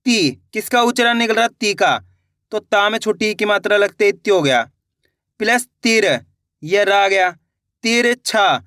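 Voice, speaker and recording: Bright high-voiced man teaching spelling. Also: dry recording, clean studio sound. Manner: repeats each word slowly, quizzing viewers. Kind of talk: Hindi spelling lesson.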